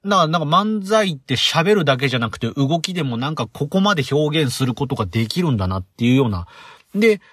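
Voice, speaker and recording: A man hosting a casual solo podcast, talking in an animated, rambling way with lots of fillers. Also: a little high, breathy edge, no room sound, studio quality. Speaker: podcast host.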